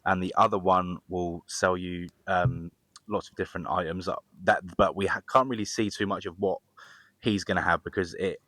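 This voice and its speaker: A man co-hosting a podcast, explaining details in a measured, step-by-step way. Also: low-pitched, steady tone, pushed and bright, no echo. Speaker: podcast co-host. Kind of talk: casual chat.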